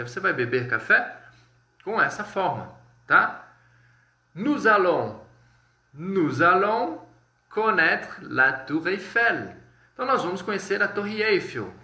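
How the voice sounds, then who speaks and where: With a Brazilian Portuguese accent, a man runs a live online French class, explaining things step by step, checking in with viewers often, and pronouncing French words slowly and clearly. His voice is high, bright, and forceful, captured in an echoey room.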